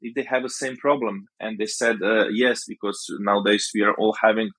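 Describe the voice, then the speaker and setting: A man's voice: on the low side, fairly even intonation, brisk, a bit bright, rough recording. A man from Croatia, a startup founder talking as a guest on a podcast, loose and storytelling with many "uh"s and "you know"s. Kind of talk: casual podcast interview.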